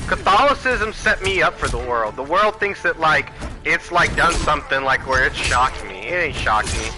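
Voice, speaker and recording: A man ranting casually and profanely while streaming a video game. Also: mid-range voice. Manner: profane, rambling, heated. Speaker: gaming streamer. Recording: music playing clearly behind the voice.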